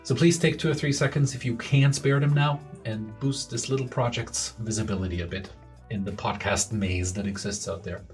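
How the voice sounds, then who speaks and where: Podcast host guy, middle pitch, earnest, says really really a lot, quiet music in back. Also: fairly even intonation, normal speed. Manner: earnest, pleading, repeats words for emphasis. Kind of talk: podcast host appeal and introduction.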